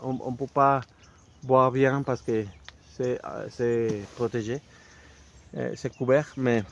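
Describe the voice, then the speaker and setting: Slow, halting man with a Mexican Spanish accent. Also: mid-range voice, flat delivery, vocal fry, a little hiss or hum. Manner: halting, searching for French words with many restarts. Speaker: video host presenting a book. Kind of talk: unscripted casual talk to camera.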